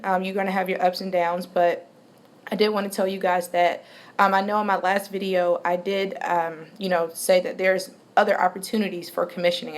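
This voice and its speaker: A woman in her twenties giving a casual vlog update, chatty and rambling, with many ums and restarts. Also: lowish voice. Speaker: vlogger.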